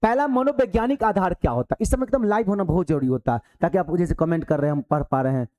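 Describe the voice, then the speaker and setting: A man's voice: high-pitched, fast talker, darkish tone. A male coaching teacher, giving a live online class from the hall of his coaching centre, talking conversationally with rhetorical questions and acting out pupils.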